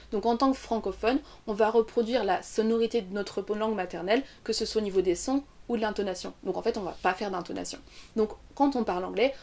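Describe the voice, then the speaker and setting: A young French woman teaching English pronunciation in an online lesson, explaining clearly and saying example words slowly. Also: medium pitch, a little mellow.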